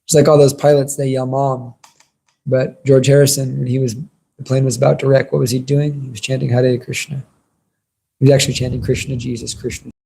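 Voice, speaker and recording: A man's voice: mid-range voice, flat delivery, fairly quick, creaky, warm tone, a little hiss or hum, rough recording. A man giving an informal devotional sermon as a religious teacher, conversational and earnest in his delivery.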